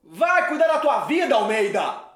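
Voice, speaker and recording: A man's voice: very high voice, sing-song, measured pace, exaggerated voice. A man acting a defensive husband who is exasperated and lashes out. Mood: shouting. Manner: exasperated, swinging between whining and shouting. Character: defensive, cornered husband who turns cruel. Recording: roomy sound with guitar music.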